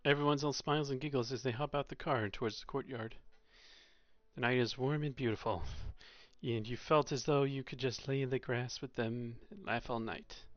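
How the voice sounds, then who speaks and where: A man's voice: mid-range voice, moderate pace, no room sound, lo-fi sound. A man live-streaming, narrating a visual novel in second person between chatty asides. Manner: lively, laughs at his own slips.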